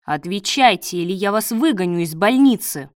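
A woman reading the part of a gruff, hungover male doctor who speaks curtly and snaps orders. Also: sits high, expressive, measured pace, dry recording, studio quality. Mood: angry. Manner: curt, snapping orders.

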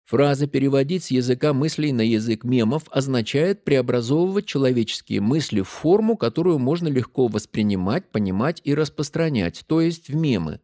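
A man narrating a nonfiction audiobook who reads a passage aloud in a deliberately mechanical, robot-like voice. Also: mid-range voice. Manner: reads the AI's text aloud in a flat machine-like way. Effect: mechanical robot-like reading voice.

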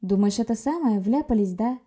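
Brief: a woman doing a snappy young sorceress, brusque, scolding, dark mellow tone. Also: a little high, expressive, fairly quick, natural voice. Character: sharp-tongued young sorceress girl, quick-tempered.

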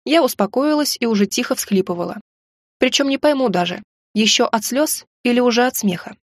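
A woman reading a first-person audiobook with expressive, emotional storytelling. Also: on the high side, fairly quick, no echo, clean studio sound. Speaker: audiobook narrator.

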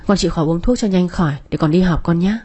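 A woman voicing a loving middle-aged mother who speaks tenderly and coaxingly, low and husky. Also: fast, dark tone.

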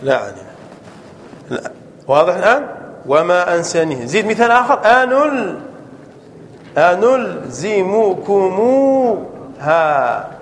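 A man teaches a grammar lesson to a class in a high, lively voice that rises and falls widely. He quizzes his students often and stretches out his examples slowly. Faint noise sits behind him in the room. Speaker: sheikh teaching Arabic grammar.

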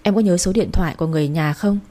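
Here is a woman doing a gentle, caring young man from a storybook romance. His tone is mellow and soft-edged, and he speaks calmly and kindly. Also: lowish voice, very fast, close to an everyday voice. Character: kind young man who rescues heroine.

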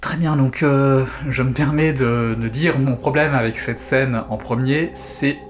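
A man's voice: medium pitch, fairly even intonation, unhurried. A man hosting a casual, analytical discussion as a critic. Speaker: host and film critic.

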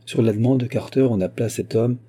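A man narrating a classic novel as an audiobook reader, in a steady, measured reading voice. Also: mid-range voice, slightly rough. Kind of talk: scripted narration.

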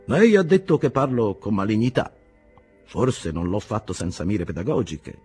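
A man's voice: fairly low pitch, sing-song, moderate pace, warm tone, husky, soft background music, heavily acted. A man voicing an eloquent, sarcastic Italian humanist who speaks in a declamatory, mocking way. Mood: mocking grandiloquence.

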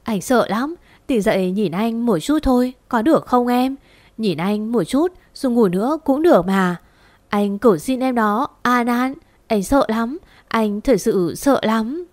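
Lady reading the part of a young husband crying by a hospital bed, slow, broken, begging, close dry sound, storybook reading. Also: a little high, animated, darkish tone, no echo. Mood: pleading, tearful.

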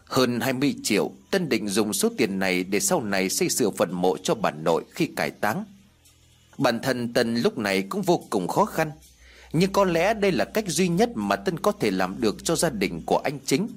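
Expressive husky male storyteller. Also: mid-range voice, moderate pace. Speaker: audiobook narrator. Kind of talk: audiobook ghost story narration.

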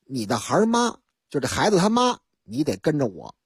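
A woman's voice: low-pitched, big pitch swings, fairly quick, breathy edge, no echo, clean studio sound, pitched below the performer's own voice, heavily acted. A woman with a Beijing accent voicing a blunt, insistent middle-aged woman who haggles and lays down demands. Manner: insistent, bargaining.

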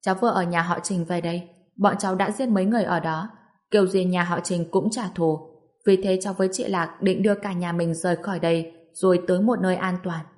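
A woman reading the part of a calm, cocky young male cultivator in a storybook, with a cool, mocking manner. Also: high voice, brisk, natural voice.

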